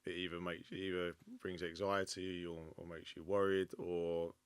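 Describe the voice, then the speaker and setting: Male founder, Essex accent, very low and flat voice, dry close mic, halting speech. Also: clean tone, no echo. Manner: hesitant, halting, with many fillers and restarts. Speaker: company founder and CEO. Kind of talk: casual interview answers.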